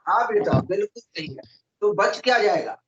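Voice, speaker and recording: Male chemistry tutor, high and patient, over a roomy, muffled video call. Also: lively intonation, normal speed. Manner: patient, calls students "beta" constantly. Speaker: chemistry teacher. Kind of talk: online class lesson.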